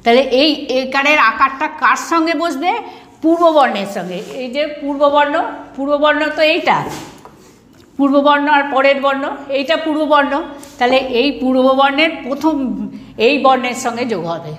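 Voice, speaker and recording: A woman's voice: high voice, normal speed, a bit bright, roomy sound. A woman teacher with a Bangladeshi Bengali accent gives an online grammar lesson, asking questions and answering them herself as she repeats each rule. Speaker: primary school teacher.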